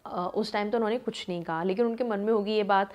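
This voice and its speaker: A woman's voice: mid-range voice, fast talker, a little mellow, lo-fi sound. A woman in her thirties telling a personal story in a casual, chatty way, with many fillers and acted-out quotes. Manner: chatty, lots of fillers, acts out quoted voices. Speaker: vlogger.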